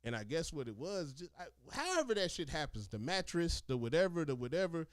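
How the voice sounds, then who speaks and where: A man telling stories casually in animated, profane street slang, talking like a streetwise former inmate. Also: on the high side, fairly quick, no room sound, studio quality. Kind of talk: casual storytelling chat.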